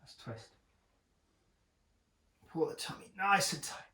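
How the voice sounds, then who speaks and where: A man's voice: on the high side, expressive, takes it slowly, bright, forceful tone, roomy sound, far from the mic. A man working as a personal trainer, talking viewers through an ab workout while exercising himself, encouraging and joking, short of breath between sets.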